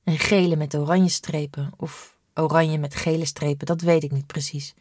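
Woman reading a kids story, low voice, even and clear, dry. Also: normal speed, no echo. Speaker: audiobook narrator. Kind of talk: storybook narration.

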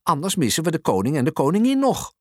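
A storyteller voicing a patient but strict mother in a children's storybook, speaking low, calm and firm. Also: quick pace, dry recording, studio quality.

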